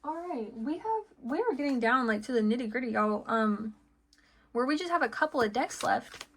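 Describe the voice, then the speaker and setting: Bright-voiced woman giving a tarot reading. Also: on the high side, expressive, normal speed, slight background noise. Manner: chatty, full of "okay" and "like" fillers. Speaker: tarot card reader. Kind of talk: intuitive tarot reading to viewers.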